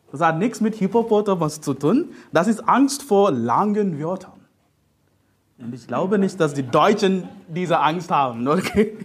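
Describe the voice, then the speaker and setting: Husky-voiced man preaching playfully. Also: sits high. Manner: playful, joking, animated sermon delivery with frequent "ja?". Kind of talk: sermon.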